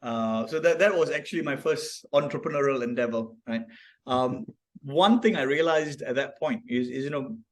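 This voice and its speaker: Speaking in a mid-range voice at a moderate pace, a founder from Malaysia chats casually as a podcast guest. His storytelling is reflective and full of restarts, and he keeps ending thoughts with "right?"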